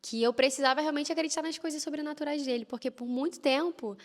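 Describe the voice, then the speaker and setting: A woman telling a personal faith story in casual conversation, animated and lively as she acts out what people said. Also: sits high, fast talker, big-room sound. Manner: animated, lively retelling with quoted prayers and laughs. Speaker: guest telling a personal testimony.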